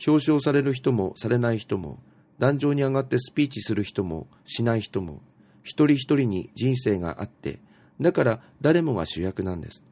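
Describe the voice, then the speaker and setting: A man's voice: mid-range voice, expressive, moderate pace, dark tone. A man casually reading out posts and musing on them, with many fillers and asides. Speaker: radio host reading out tweets. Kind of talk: casual talk show reading.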